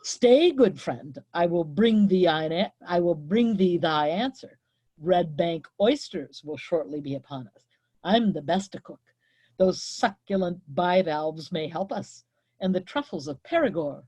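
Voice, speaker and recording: A lewd old grandfather ghost leers through his lines, read out by a woman. The voice is husky and sits low, with sly, drawn-out emphasis. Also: animated, dark tone, no echo. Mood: leering.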